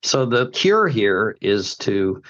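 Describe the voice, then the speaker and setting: Male podcast pundit, deepish voice, confident lecture-style delivery, muffled lo-fi sound. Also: sing-song, takes it slowly, fairly bright tone. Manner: emphatic, opinionated, lecture-like points. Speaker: podcast commentator. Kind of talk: podcast discussion, opinion commentary.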